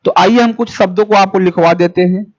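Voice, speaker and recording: A man teaching an online exam class, speaking slowly and repeating key phrases for students to write down, and pausing to answer viewers' comments. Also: high voice, fairly even intonation. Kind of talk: live-streamed exam class. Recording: dull lo-fi sound.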